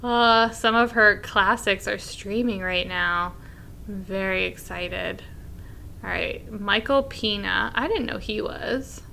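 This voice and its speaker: A woman co-hosting a podcast, a teacher chatting casually, animated and laughing often as she acts out what she said. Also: mid-range voice, slow pace, creaky, a little hiss or hum. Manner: animated, laughs often, acts out her own past remarks. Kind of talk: casual chat.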